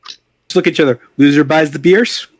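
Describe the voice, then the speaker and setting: A man's voice: a little high, fairly quick, no room sound. Man, tabletop player, playful banter, casual. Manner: joking, playful. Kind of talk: casual chat at a tabletop game.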